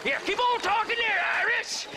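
An actor with a Welsh accent playing a menacing outlaw in a video game, taunting in a sing-song way. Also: male voice, very high-pitched, moderate pace. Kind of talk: video game cutscene acting. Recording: game audio with clear background noise.

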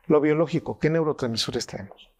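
Gravelly-voiced Mexican man explaining. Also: a little high, brisk, a little hiss or hum. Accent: Mexican Spanish. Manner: animated, acts out quoted voices. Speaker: neuroscientist guest. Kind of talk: explanatory interview talk.

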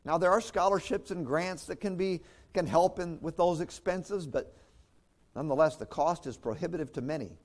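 A man's voice: a little high, moderate pace. A man preaching a sermon as pastor, in a conversational way with chuckles and restarts.

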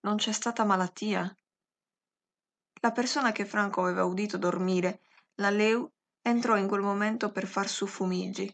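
Measured woman narrating a classic novel. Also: mid-range voice, fairly even intonation. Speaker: audiobook narrator. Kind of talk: scripted literary audiobook narration.

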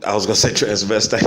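A laid-back man thinking aloud to his viewers, his talk loose and full of slang. He drifts from point to point in a reflective, rambling monologue, breaking into easy chuckles now and then. His pitch sits in an ordinary middle range for a man. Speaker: vlogger. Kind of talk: casual stream-of-consciousness monologue. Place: home in the Caribbean.

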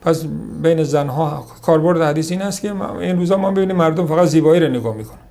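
A man giving a religious lesson on hadith, reciting Arabic quotations slowly, then explaining them in a conversational lecturing way. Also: on the high side, mellow. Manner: conversational lecturing, repeats points. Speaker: religious teacher. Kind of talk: sermon on hadith.

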